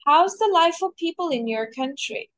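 High-voiced woman examiner, dry sound. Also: animated, no room sound. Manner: clear, measured questioning. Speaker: English test coach. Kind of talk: mock speaking test examiner.

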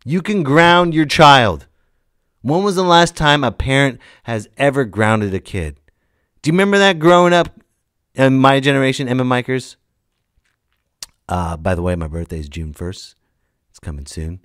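A man in his late thirties hosts a solo podcast, ranting and telling stories casually, bluntly and emphatically, swearing and acting out quoted lines. His medium-pitched voice has lively intonation and a slightly bright tone, moving at normal speed with frequent pauses. The studio-quality sound has no echo.

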